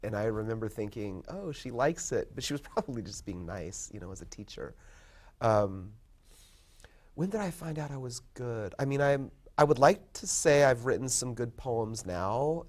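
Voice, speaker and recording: A man in his fifties, a poet and professor, talking in a casual interview, thoughtful and modest, pausing often with ums and restarts. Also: mid-range voice, lively intonation, darkish tone. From born in Korea, raised in California. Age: 50s. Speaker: poet and college professor, guest.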